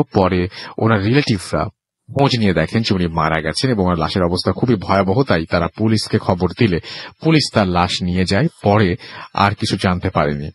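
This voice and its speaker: A man's voice: low-pitched, slightly rough. A man hosting a storytelling show, reading a listener's ghost story aloud, with a sore throat. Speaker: host reading a listener's email.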